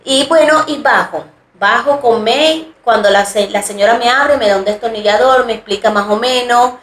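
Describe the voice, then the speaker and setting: A woman's voice: fairly high pitch, moderate pace, fairly bright tone. A woman co-hosting a podcast, telling a long personal story in a chatty, rambling way and voicing the people in it. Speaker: podcast co-host. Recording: roomy echo.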